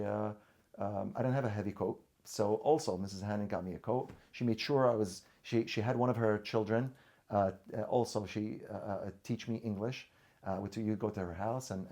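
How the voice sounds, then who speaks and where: With a fairly low, dark-toned voice, a man from Syria who grew up speaking Arabic shares personal stories as a podcast guest. He speaks earnestly, frequently restarting and repeating his words.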